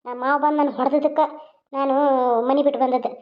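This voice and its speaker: A woman's voice: sits high, flat delivery, quick pace. A woman, voicing cartoon family drama with emotional, wailing delivery. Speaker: channel host and voice actor. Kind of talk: dialect cartoon voice acting. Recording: muffled lo-fi recording.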